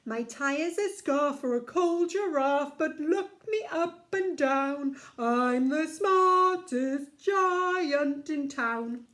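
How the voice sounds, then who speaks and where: A woman's voice: very high-pitched, very animated, slow pace, hardly any pauses, a bit bright, pitched above the performer's own voice, exaggerated voice. A woman voicing a kindly, proud, scruffy giant in a storybook, in a big, sing-song way.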